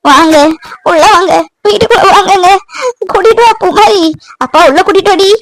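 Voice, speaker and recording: A woman voicing a devoted village wife and mother in an animated family drama, pleading and soothing. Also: extremely high pitch, normal speed, rough recording. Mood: bustling. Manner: pleading, soothing, then bustling.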